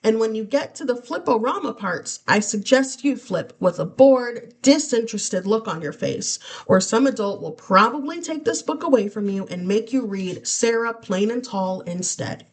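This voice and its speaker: A woman reading a children's book aloud in a playful, animated way. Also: a little high, normal speed, hardly any pauses. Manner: lively, playful, wide-ranging delivery. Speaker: storyteller.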